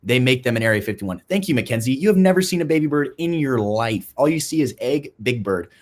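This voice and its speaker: A young man giving a playful, mock-serious talk to a youth group, rambling with restarts and a deadpan tone. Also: medium pitch, fast talker. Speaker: youth ministry speaker.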